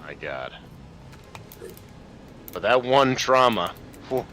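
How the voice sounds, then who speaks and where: A man's voice: mid-range voice, sing-song, slow pace, fairly bright tone, faint music behind. A man chatting casually and reactively as he plays a co-op game with friends. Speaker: player in a co-op game session. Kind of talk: casual gaming chat with some read-aloud narration.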